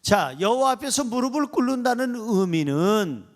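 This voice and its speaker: A male pastor with a high-pitched voice preaches emphatically in a church. He calls out phrases for the congregation to repeat and slips into acted-out dialogue as he tells stories. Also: big pitch swings, moderate pace. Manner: emphatic, leads congregation in call-and-response; acts out dialogue in storytelling. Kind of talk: sermon.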